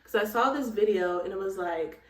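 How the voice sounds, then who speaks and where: A lifestyle vlogger talks casually into her phone camera, candid and reflective, sprinkling in "like" and "girl." Her medium-pitched voice is brisk, and the sound is roomy since she's away from the phone.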